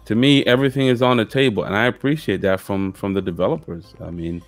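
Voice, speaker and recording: Measured low-voiced man, dry sound. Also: no room sound, soft background music. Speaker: podcast guest. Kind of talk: casual gaming podcast chat.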